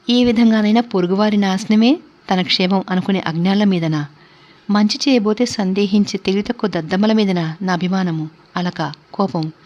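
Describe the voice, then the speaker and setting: A woman's voice: mid-range voice, a little mellow, lightly acted. A woman voicing a proud, indignant young idealist who speaks bluntly, in a storybook reading. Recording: dull lo-fi recording.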